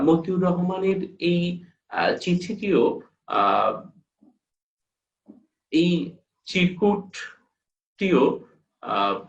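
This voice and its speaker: A male teacher giving a lecture on a poem, speaking with a Bangladeshi Bengali accent and pausing often on long "ah" fillers. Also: on the high side. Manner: slow, halting, with frequent drawn-out "ah" pauses; reads quoted letters aloud. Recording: echoey room, far mic, dull lo-fi sound.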